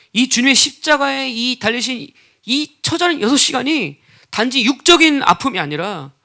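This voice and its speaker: A man's voice: very high-pitched, pushed and bright. A male pastor preaching a sermon, with frequent rhetorical questions and acted-out quotes of scoffers.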